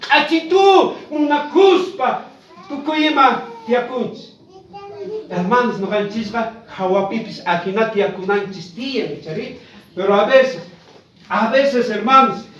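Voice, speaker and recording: A man preaching with a Bolivian Andean accent, switching between Spanish and Quechua, asking the congregation questions and rising to shouts on key points. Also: extremely high pitch. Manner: call-and-response questions to the congregation. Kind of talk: bilingual sermon in Spanish and Quechua. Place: church hall. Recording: echoey room, distant mic, dull sound.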